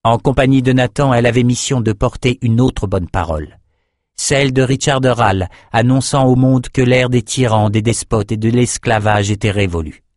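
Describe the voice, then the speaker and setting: A man reading a fantasy novel aloud as the audiobook narrator, in an even and measured way. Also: medium pitch, no echo, clean studio sound.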